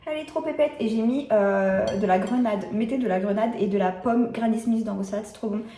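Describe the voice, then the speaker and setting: A woman's voice: mid-range voice, brisk, mellow. A young woman chatting casually in a vlog, self-mocking and trailing off into hesitant asides, recorded on a phone held at arm's length. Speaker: vlogger. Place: apartment rooms and city streets. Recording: echoey phone audio with faint hum.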